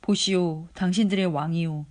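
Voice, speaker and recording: Stern male Roman governor in a scripture reading, formal, even delivery, voiced by the reader. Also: medium pitch, normal speed, natural voice.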